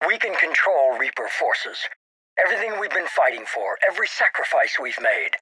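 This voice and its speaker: An actor playing a shadowy middle-aged leader in a video game, cold, calculating and commanding, speaking in a measured, deliberate way. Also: male voice, a little high, very animated, bright, forceful tone, husky, no room sound, exaggerated voice, low-quality recording. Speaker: head of a secret organisation. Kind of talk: dramatic video game voice acting.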